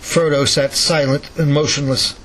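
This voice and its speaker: A man reading a novel aloud in a relaxed, casual manner, with chatty asides and self-corrections. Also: fairly high pitch, normal speed, a little hiss or hum, low-quality recording. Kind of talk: casual read-aloud narration.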